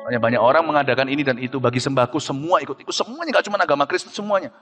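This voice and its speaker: A high-voiced man in his forties preaches at a quick clip in a large hall, his words trailing off in long reverb. He swings from loud exclamations to low, hushed passages. Faint music plays underneath. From Indonesia. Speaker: pastor. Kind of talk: sermon.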